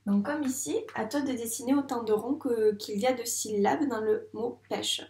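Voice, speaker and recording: A French-accented woman with a fairly high, darkish voice speaks at normal speed amid reverberation. As a primary school teacher making a slow, clear video for young kids, she teaches reading with patience, sounding out syllables with care.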